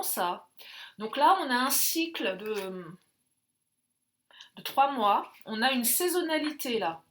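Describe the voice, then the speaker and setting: Slow-talking chatty French card reader woman. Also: high voice, fairly bright tone. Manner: chatty, jokey, thinks aloud with many fillers. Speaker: tarot and oracle card reader. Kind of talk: casual card-reading video.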